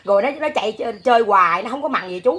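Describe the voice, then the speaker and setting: Her voice racing, medium in pitch and a bit bright, a mother in her fifties with a Southern Vietnamese accent recounts her story during an interview. The telling is casual and rambling, packed with fillers.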